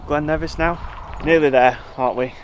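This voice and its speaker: A man vlogs casually from a campervan and outdoors, talking to a handheld camera held at arm's length. His voice is on the high side and a little fast, relaxed and chatty with frequent "uh" and "um," and there's a slight hiss or hum.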